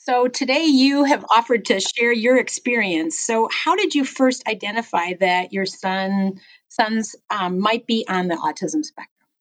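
A woman hosting a podcast interview, introducing guests and asking measured questions. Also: on the high side, dry recording. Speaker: podcast host, executive director.

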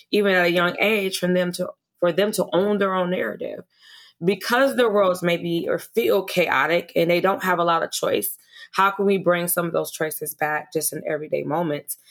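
A woman with a fairly low voice speaks as a guest on a podcast interview. She talks earnestly about her work as an educator, often stumbling and restarting her sentences. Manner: earnest, passionate, with frequent restarts and repeated words.

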